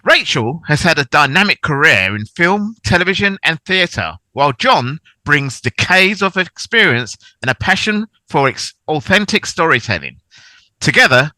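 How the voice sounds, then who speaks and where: A man with a London accent runs a casual podcast chat in a slightly raised voice that swoops up and down. His tone is sharp and bright, and the sound is close and dry with no room around it. He keeps things jokey and laughs readily. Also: a little high, dry recording. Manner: jokey, laughs often, bouncy delivery. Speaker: podcast host. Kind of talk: chatty interview hosting.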